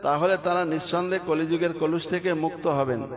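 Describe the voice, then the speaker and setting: A man preaches a devotional sermon, with a voice a little higher than most men's. He tells stories to the gathering and leads them in chanting. The clear murmur of a crowd sits behind him. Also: steady tone, a little fast.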